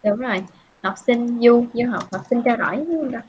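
A woman's voice: a little high, a little hiss or hum. A woman English teacher from Vietnam, patiently questioning students in an online class over a video call. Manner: patient, questioning, drawn-out prompts. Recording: dull lo-fi online class audio.

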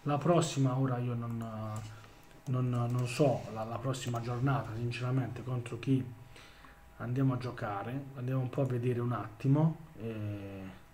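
A man giving a casual post-match football vlog, talking haltingly with many restarts and repeated words. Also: medium pitch, steady tone, mellow, slight background noise. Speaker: football fan vlogger.

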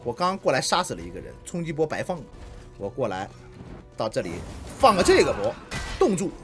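A woman giving excitable live commentary on a game, shouting battle cries and laughing at herself. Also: low voice, a little fast, soft background music. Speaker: gameplay streamer.

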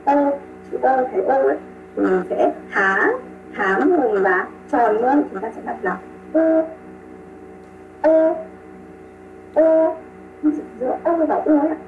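A woman teaching pronunciation online over a video call. She models sounds slowly, repeats them and praises her students. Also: high voice, recorded from a distance. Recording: tinny call audio with music behind.

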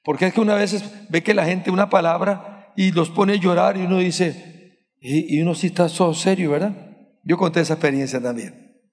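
Impassioned high-voiced male preacher, gravelly. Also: normal speed. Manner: impassioned preaching with rhetorical questions to the congregation; rises to shouting at climaxes. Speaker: pastor. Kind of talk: sermon. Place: large church sanctuary. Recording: long hall reverb from a church.

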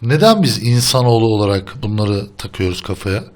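A man's voice: on the low side, sing-song, a little fast, a little mellow, a little hiss or hum. A young man hosting a casual gameplay session, chatting, laughing often and arguing playfully with his friend. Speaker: gaming channel host.

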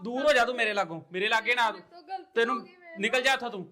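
A man's voice: very high voice, fast, bright, forceful tone. A man playing an angry young husband who accuses his wife in a family drama, repeating her words back in outrage.

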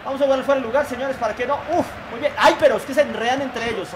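A young Colombian man commenting on his own football video game match, excitable and often shouting and groaning at the plays. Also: very high-pitched, rapid-fire, a crowd in the background. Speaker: gaming YouTuber. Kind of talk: excited live gameplay commentary.

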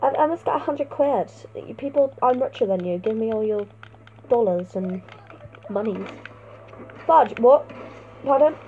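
A young woman giving playful let's play commentary and talking back at the game. Her high voice unwinds at an unhurried pace. It comes through a tinny, phone-like mic. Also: lively intonation. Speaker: gaming channel host.

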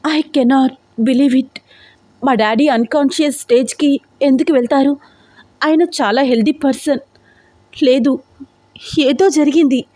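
A woman's voice: sits high, unhurried, pauses often, warm tone, no room sound, voice pushed up. A woman voicing a frantic, pampered young woman in a storybook audio drama, talking in an urgent, pleading, tearful way. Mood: panicked.

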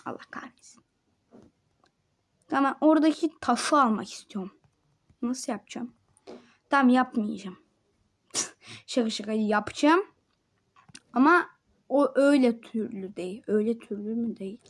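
A woman's voice: on the high side, moderate pace, long pauses. A woman giving gameplay commentary to her viewers, switching between muttered asides and frustrated outbursts. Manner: talks straight to viewers as friends. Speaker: gamer.

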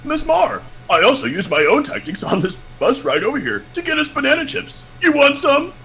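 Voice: high-pitched, big pitch swings, normal speed, fairly bright tone, soft background music, heavily acted. Someone playing a goofy overeager rookie. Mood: earnest. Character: eager, naive young man rookie bounty hunter. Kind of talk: amateur comic read-through.

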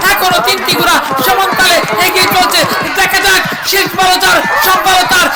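A man with a Bangladeshi accent calling a horse race as a commentator, in an excited, shouting delivery. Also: very high voice, echoey room. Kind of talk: live race caller commentary.

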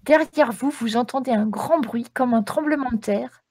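Female game master, descriptive tabletop narration, higher register, dry recording. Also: normal speed, a little mellow, no room sound. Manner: descriptive, storytelling.

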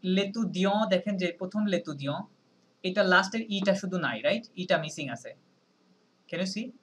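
A man teaching a French lesson on a video call, explaining slowly, spelling words letter by letter and often checking in with his students. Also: high voice, a bit bright, a little hiss or hum, low-quality recording. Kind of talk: online language lesson.

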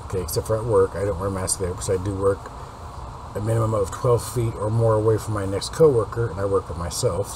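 Low raspy smoker's-voiced man. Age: late 40s. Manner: rambling, informal. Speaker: video host. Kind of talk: casual news update to viewers. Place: unfinished basement room. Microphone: webcam or laptop mic at desk distance. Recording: noisy webcam recording with background hum.

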